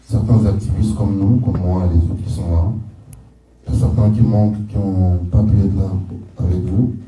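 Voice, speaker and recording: Low-voiced man speaking from across a room. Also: steady tone, normal speed, mellow, slight background noise. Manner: rhetorical, repetitive, emphatic. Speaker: political activist. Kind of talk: public speech at a community gathering. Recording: echoey room, from far off.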